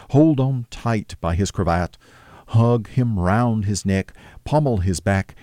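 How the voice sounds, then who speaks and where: A man with a deep, dark, mellow voice reads a classic story aloud in a measured, steady way. The recording is close and dry, with no room sound at all. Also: dry recording. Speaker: audiobook narrator. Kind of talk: scripted narration of a classic novel.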